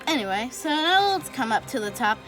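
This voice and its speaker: A woman hosting a drawing channel, chatting and thinking out loud as she colors, often correcting herself mid-sentence. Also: high-pitched, sing-song, brisk, faint music behind. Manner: rambling, chatty, talks while coloring. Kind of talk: casual drawing tutorial narration.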